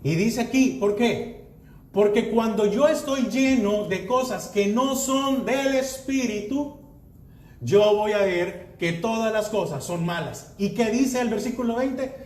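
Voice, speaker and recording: A man's voice: sits high, takes it slowly, a little mellow, roomy sound. A man pastor preaching a sermon, reading verses aloud and asking the congregation rhetorical questions.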